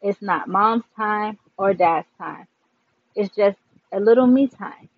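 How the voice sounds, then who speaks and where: A man's voice: high voice, slow, dry recording, phone-quality sound. A man reading a novel aloud to his listeners, chapter by chapter, with casual asides. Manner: warm sign-off, casual asides. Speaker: book reader.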